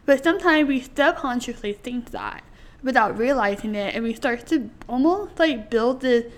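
A woman co-hosts a relaxed faith chat about married life. She talks in an earnest, chatty way, and her voice sits a little higher than most. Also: normal speed. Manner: earnest, chatty, laughs easily. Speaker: co-host.

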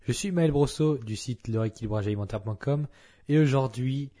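A man's voice: mid-range voice, brisk, dark tone. A man hosting a solo podcast, talking casually and frankly with many fillers and restarts. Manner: blunt and frank. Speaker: podcast host.

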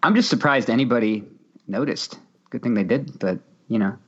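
A man's voice: medium pitch, husky. Wry man on a dull lo-fi mic. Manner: wry, teasing, quick to laugh. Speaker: podcast co-host. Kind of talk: casual chat.

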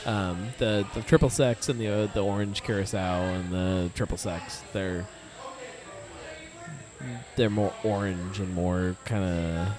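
A man's voice: low voice, fairly even intonation, a little slow, over music. A man hosting a podcast in casual chat, rambling and correcting himself, laughing easily. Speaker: podcast host.

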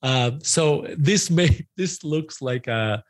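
A man's voice: fairly high pitch, lively intonation, slow, dry recording. A middle-aged man from Russia, a native Russian speaker, talking as a guest author in a podcast interview, rambling and often correcting himself. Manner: rambling, self-correcting, repeats words.

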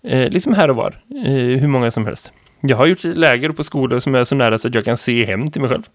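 A man in his thirties, a teacher co-hosting a podcast, who tells stories in a lively, rambling way full of fillers. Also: medium pitch, no room sound, clean studio sound. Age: 30s. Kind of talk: casual podcast chat.

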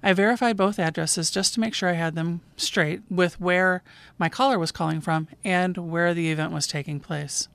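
A woman, a 911 dispatcher who hosts her own podcast, calmly narrating a true call in scripted form. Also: fairly low pitch, moderate pace, vocal fry, no room sound.

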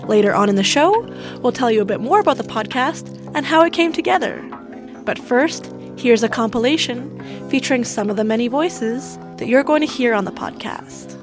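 A young woman reading a scripted introduction as podcast host, in a clear, welcoming read. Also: on the high side, expressive, normal speed, music in the background.

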